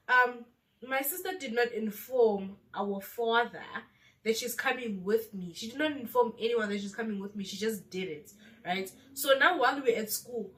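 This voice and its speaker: A woman's voice: medium pitch, a bit bright, far from the mic. A woman with a South African accent telling a casual storytime vlog, chatty and mixing in local slang. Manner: chatty, mixes local slang into her speech. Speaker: vlogger.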